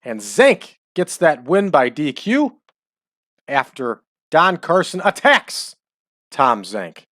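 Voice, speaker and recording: A man's voice: fairly high pitch, huge pitch swings, takes it slowly, a bit bright, no room sound. Chatty man in his forties, dry mic. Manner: chatty, rambling storyteller. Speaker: let's-play host. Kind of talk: casual commentary over a wrestling management game.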